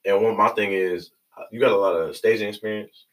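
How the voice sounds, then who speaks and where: A man's voice: on the low side, steady tone, a little fast, a bit bright, far from the mic, poor audio. A man casually interviewing someone in slangy, encouraging bro talk. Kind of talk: casual chat.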